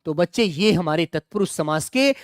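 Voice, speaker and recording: A middle-aged man teaches an online exam-prep grammar class in a smooth, resonant voice. He drills each example, repeats the words and keeps urging students to answer quickly. The sound is close and dry. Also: a little high, expressive, no room sound.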